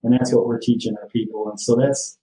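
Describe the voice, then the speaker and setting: A man talks through a casual podcast interview in an easygoing, matter-of-fact way. His voice is mellow and relaxed. It is picked up from a distance in a roomy, echoey space. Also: medium pitch, brisk, a little hiss or hum. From Michigan. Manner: easygoing, matter-of-fact, with frequent "you know". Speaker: sheriff's office captain, guest.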